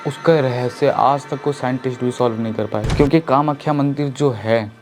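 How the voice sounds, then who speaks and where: A man's voice: medium pitch, normal speed, music in the background. A man telling a horror story in a casual, chatty way, speaking to his listeners as friends. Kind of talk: casual spoken horror narration.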